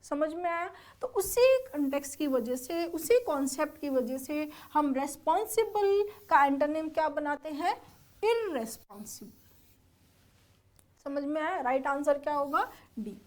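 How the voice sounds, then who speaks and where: A woman teaching English for exam prep explains words step by step, spelling them letter by letter and frequently checking that her students are following. Her voice is high-pitched and darkish in tone, with lively intonation and an unhurried pace.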